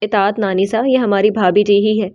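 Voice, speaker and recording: A woman's voice: mid-range voice, fairly even intonation, mellow, lightly acted. A woman voicing a charming, teasing young man in an audiobook novel. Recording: dull, slightly lo-fi.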